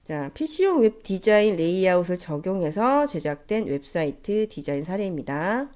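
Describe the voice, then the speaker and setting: A woman's voice: lowish voice, very animated, moderate pace, a little mellow. A woman lecturer with a nasal, stuffed-up cold voice, giving a polite, explanatory lesson. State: congested with a cold. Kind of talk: instructional slide lecture.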